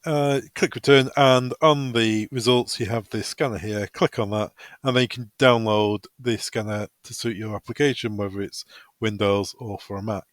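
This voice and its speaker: The voice is on the low side, steady in tone and moderately paced, captured in a dry recording. He's a product tutorial presenter giving an informal, practical, partly improvised step-by-step software walkthrough.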